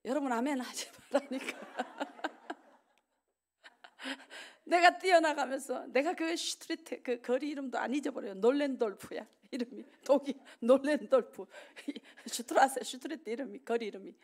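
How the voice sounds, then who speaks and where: A woman's voice: high voice, moderate pace. A middle-aged woman preacher giving a testimony sermon in a church, telling her story vividly and acting out the dialogue. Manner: animated storytelling, acts out dialogue, laughs often. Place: church sanctuary.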